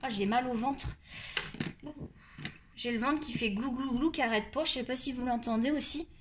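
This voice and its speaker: A woman's voice: on the high side, moderate pace, background noise. A woman with a Marseille accent chatting and rambling as she tests coloring pencils on camera, mocking herself along the way. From France. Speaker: coloring channel host. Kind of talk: casual chat while testing art supplies.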